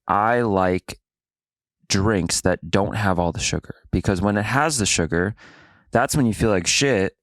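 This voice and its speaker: A man's voice: on the low side, a little slow, dry recording. A young man who is a bit hungover, chatting and joking as a podcast co-host. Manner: joking, animated, rambling. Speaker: co-host songwriter. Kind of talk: casual podcast chat.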